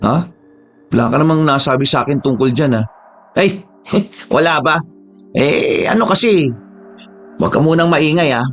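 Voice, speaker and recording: Excitable young friend, voiced by a male narrator; fussy, high and lively. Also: normal speed, pauses often, soft background music, close to an everyday voice. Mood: secretive. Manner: fussy, exasperated, talkative. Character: excitable young man, loyal worried friend.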